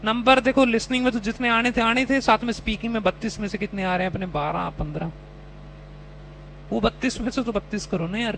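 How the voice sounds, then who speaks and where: A man's voice: high-pitched, a bit bright, a little hiss or hum, low-quality recording. A man teaching a test-prep class, teasing and mock-scolding his students while quizzing them on whether they follow. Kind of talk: classroom coaching lecture.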